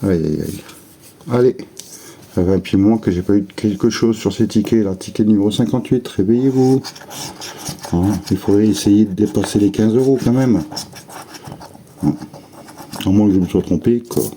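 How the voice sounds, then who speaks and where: Low, dark-voiced man, unhurried home vlogger, mumbles through letters one by one; faint room hiss. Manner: slow, methodical, muttering letters and words to himself. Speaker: scratch-ticket vlogger. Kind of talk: casual running commentary while scratching tickets.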